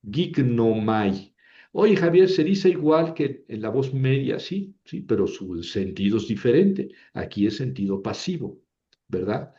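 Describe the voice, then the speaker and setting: Guy teaching greek grammar, slow n patient, repeats every form, low mellow voice, kinda dull lo-fi sound. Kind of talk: recorded grammar lesson.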